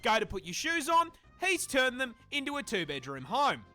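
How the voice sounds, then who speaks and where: Bright, animated sarcastic narrator over music. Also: mid-range voice, normal speed. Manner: sarcastic, sweary, punchy. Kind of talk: scripted comedic narration.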